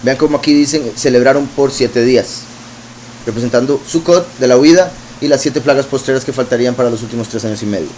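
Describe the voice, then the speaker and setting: A man's voice: medium pitch, quick pace, a little mellow, a little hiss or hum, poor audio. A man preaching, reading verses aloud and explaining them with frequent asides. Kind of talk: scripture teaching.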